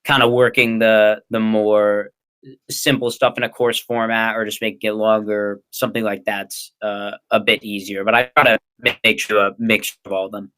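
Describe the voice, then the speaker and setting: A man's voice: on the low side, little pitch movement, moderate pace, a bit bright, clear, resonant tone, poor audio. A young man with an American accent, answering casually as an interview guest in a hesitant, rambling way. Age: young adult. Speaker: interview guest, ninja athlete and coach.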